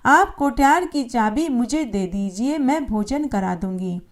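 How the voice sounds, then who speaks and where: Narrator plays a gentle, polite young wife, soft and unhurried. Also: female voice, on the high side, lively intonation. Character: gentle kind young daughter-in-law.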